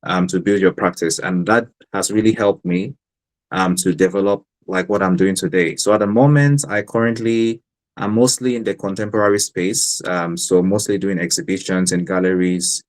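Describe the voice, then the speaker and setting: A young man from Cameroon, a guest artist on a video call, talking in a relaxed, hesitant way with many fillers. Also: deep voice, normal speed. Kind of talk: casual interview on a video call.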